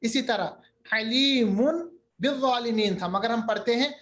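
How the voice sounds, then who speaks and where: A man's voice: very high voice, fairly bright tone. Patient man teaching Quran recitation. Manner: patient, repeats terms, draws out recited examples slowly. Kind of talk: online tajweed lesson.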